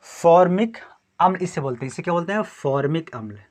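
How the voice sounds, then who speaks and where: A man's voice: fairly high pitch, expressive, brisk, a little mellow. A male chemistry teacher lecturing a class, who keeps asking questions and answering them himself and repeats the key terms again and again.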